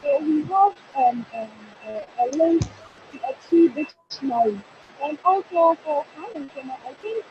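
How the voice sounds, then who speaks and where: A woman's voice: sits high, lively intonation, measured pace. A woman with a Ghanaian English accent on an online meeting, her faint voice breaking up choppily over the call as she speaks hesitantly with many fillers. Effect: faint, choppy, breaking-up internet call audio. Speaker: community member on a group call. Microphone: computer or phone on a video call. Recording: muffled lo-fi call with faint hiss.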